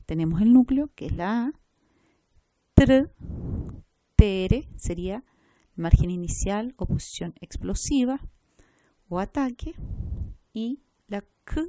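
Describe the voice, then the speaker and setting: A woman teaches a recorded class, going through each point step by step. Her voice is warm and mellow. The sound is dry and close, with no room echo. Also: mid-range voice, animated, measured pace. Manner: explains step by step, checks with "¿ya?".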